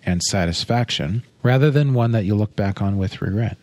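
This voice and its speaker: A man's voice: fairly low pitch, normal speed, darkish tone. A man co-hosting a podcast, giving earnest marriage advice in a casual chat and often asking "right?". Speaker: podcast co-host, marriage counselor.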